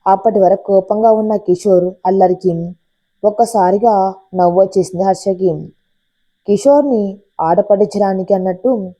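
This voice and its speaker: A woman narrating an audiobook story with expressive storytelling. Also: medium pitch, normal speed, dull audio.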